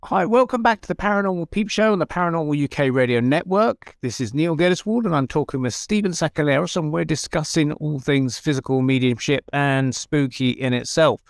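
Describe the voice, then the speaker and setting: A man's voice: a little high, brisk, gravelly, hardly any pauses, no echo, studio quality. A man hosting a conversational radio interview. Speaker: radio show host.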